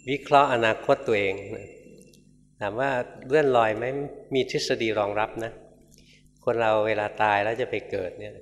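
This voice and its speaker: A man, a Buddhist monk, giving a Dhamma talk in a conversational, gently humorous storytelling manner. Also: lowish voice. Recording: reverberant hall with faint noise.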